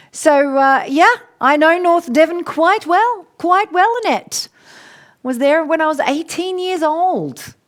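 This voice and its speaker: A middle-aged Australian woman hosting a casual live stream, greeting viewers by name and laughing often. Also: a little high. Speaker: coach and live show host.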